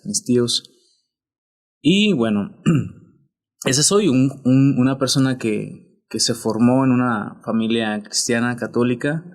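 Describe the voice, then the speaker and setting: Reflective Mexican priest. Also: male voice, mid-range voice. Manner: reflective, unhurried, with frequent restarts. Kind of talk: podcast interview.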